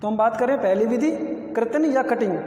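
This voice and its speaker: A man with a very high voice teaches a biology class with a Rajasthani accent. He explains step by step and poses questions that he answers himself. His voice rings around a classroom with a long, roomy echo. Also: fairly quick, mellow. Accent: Rajasthani Hindi. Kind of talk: classroom lecture. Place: classroom with a board. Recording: echoey room with long reverb.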